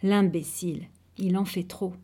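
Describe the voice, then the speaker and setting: A grumbling old teacher, put on by a woman reading a storybook, muttering dry remarks under his breath. The voice is pushed lower and softer than her narration, and the tone stays warm and mellow. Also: normal speed, lightly acted. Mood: scornful.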